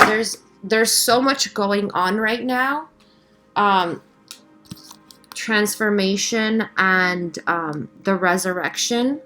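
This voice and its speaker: A woman doing a casual, channeled tarot reading as a spiritual guide, speaking in a halting, reflective, reassuring way and often checking in with the listener. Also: mid-range voice, sharp tone.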